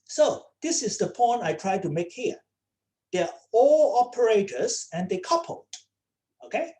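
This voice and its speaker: Slow-spoken woman lecturing with many "okay?"s. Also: fairly high pitch, very animated, warm tone. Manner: checks in with students often, repeating "okay?". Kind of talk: online lecture. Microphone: computer mic on a video call.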